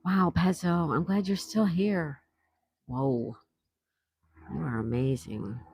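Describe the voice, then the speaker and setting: An older woman from South Florida hosts a casual livestream, chatting away as she reads viewer comments aloud and laughs often. Her voice is low, slow and a little mellow.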